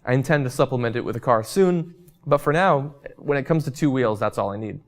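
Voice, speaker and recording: A man's voice: medium pitch, lively intonation, brisk. A young man hosting a show and chatting casually through viewer comments, losing his voice, with frequent ums and uhs. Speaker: host.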